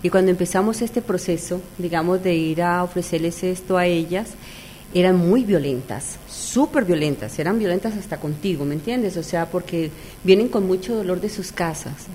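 A woman calmly explaining a shared experience in conversation. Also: fairly low pitch, moderate pace, a little hiss or hum. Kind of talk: conversational account.

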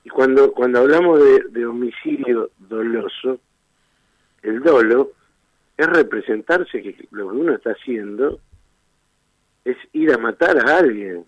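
Insistent lawyer on a muffled line. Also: male voice, medium pitch, unhurried, dry recording. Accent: Argentine Spanish. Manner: argumentative, insistent, rhetorical questions. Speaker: defense lawyer. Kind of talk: radio phone interview.

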